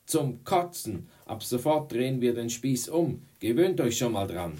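A man voicing a bossy, scornful schoolgirl ringleader in a storybook reading, pitched well above his own voice. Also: very animated, unhurried, warm tone. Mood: defiant. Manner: sneering and defiant.

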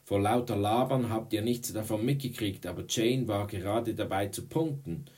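A man's voice: fairly low pitch, normal speed, a little mellow, voice pushed up, lightly acted. A man doing an indignant schoolboy. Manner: talks through clenched teeth. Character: angry schoolboy, indignant, defensive.

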